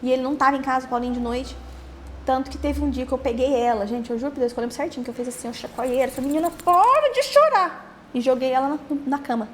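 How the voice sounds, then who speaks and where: A young Brazilian woman telling her own story in a halting way, repeating words and trailing off. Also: high-pitched, flat delivery, a little mellow, a little hiss or hum. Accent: Brazilian Portuguese. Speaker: podcast host interviewed as guest. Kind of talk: emotional personal testimony.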